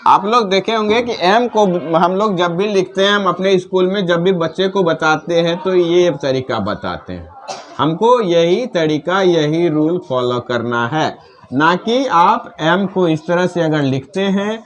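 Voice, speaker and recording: A man teaching the alphabet to children in a slow, repetitive classroom manner, asking questions and repeating each sound. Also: high-pitched, expressive, slight background noise. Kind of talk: classroom-style alphabet lesson.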